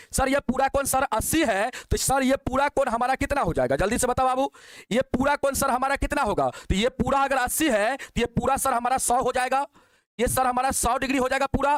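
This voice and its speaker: A man teaching a maths exam-prep lesson, coaxing students and asking quick questions. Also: very high voice, dry recording.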